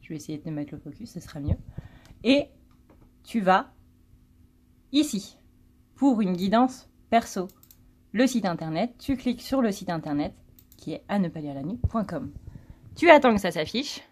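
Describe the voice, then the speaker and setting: A woman's voice: medium pitch, big pitch swings, normal speed, pauses often, darkish tone. A woman giving a casual, rambling tarot reading, full of fillers and self-corrections. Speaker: tarot card reader.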